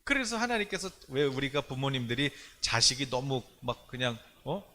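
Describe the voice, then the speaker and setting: A man preaching a sermon as pastor at a prayer meeting in a church. He talks animatedly, asks many rhetorical questions, and swings from loud to hushed. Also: mid-range voice, normal speed, slight background noise. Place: church, streamed online service.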